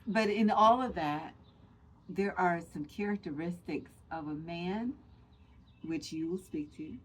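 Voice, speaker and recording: Low-voiced woman co-hosting a podcast. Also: unhurried, low-quality recording. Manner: earnest and emphatic, building lists. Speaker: podcast co-host. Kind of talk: casual chat.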